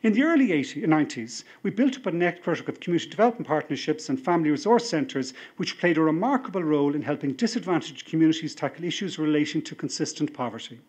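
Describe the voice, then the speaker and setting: A middle-aged Irish man, slightly high-voiced, delivers a convention speech into a podium microphone. He builds toward emphatic, rousing appeals. The hall is large and full. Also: expressive, fast, hardly any pauses, a little mellow, husky. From Ireland. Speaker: party leader. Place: large hall with a seated audience, indoors.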